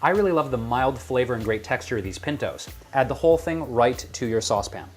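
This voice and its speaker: Demonstrating a recipe to camera in a kitchen, this American cooking show host is chatty, playful and full of enthusiasm. His mid-range voice has lively intonation, and his pace is a little fast in the upbeat presentation.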